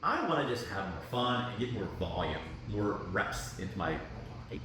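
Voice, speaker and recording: A man co-hosting a podcast, chatting casually and animatedly, often laughing and jumping up in pitch when excited. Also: moderate pace. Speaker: podcast co-host. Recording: echoey room with faint noise.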